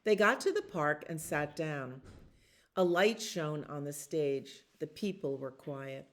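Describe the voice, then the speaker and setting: A deep-voiced woman working as a librarian reads a kids' storybook at storytime. Her reading is deliberate and full of expression, and she draws out the repeated words.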